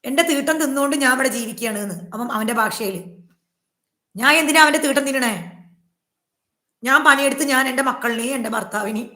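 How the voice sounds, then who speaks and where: Fast, emphatic woman vlogger in an echoey room. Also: high voice, sharp tone. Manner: emphatic, repetitive, aggrieved. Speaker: YouTuber. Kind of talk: personal vlog monologue to viewers.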